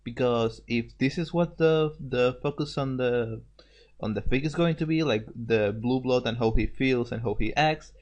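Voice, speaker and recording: A man's voice: medium pitch, normal speed, a little mellow. A man co-hosting a casual podcast chat, rambling along with restarts, repeated words and offhand swearing. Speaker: podcast co-host discussing a fanfic reading.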